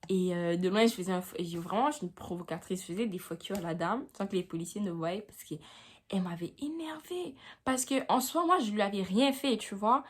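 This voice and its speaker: A woman's voice: mid-range voice, expressive, brisk, breathy edge. A young woman vlogger telling a personal story time in a slangy, chatty way, with frequent "tu vois".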